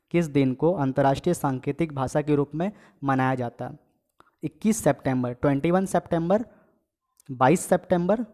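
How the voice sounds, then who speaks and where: Higher-pitched male tutor quizzing viewers. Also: dark tone. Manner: reads questions and options aloud, then gives the answer; repeats each question and adds filler checks like "okay". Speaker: exam coaching teacher. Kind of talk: casual quiz lesson.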